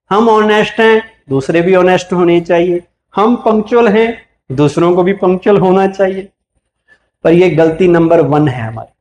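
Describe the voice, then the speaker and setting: Indian male spiritual speaker, high-pitched voice, lively preaching style that poses and answers questions, acts out quoted lines. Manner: asks the audience questions and answers them himself. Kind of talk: motivational spiritual talk to a live audience.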